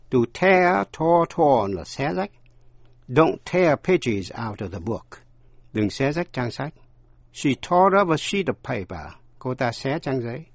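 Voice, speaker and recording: Male teacher, husky, unhurried, spells words letter by letter, dry close sound. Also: medium pitch, dry recording. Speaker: English teacher. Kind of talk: scripted pronunciation lesson.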